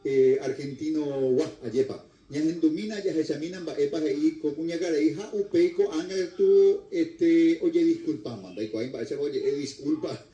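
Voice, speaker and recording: Male TV host, dark voice, chatty, echoey distant sound. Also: fairly high pitch, normal speed, hardly any pauses, dull audio. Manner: chatty, mixes Guarani and Spanish. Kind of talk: TV talk show hosting. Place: TV studio. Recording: roomy studio from a distance.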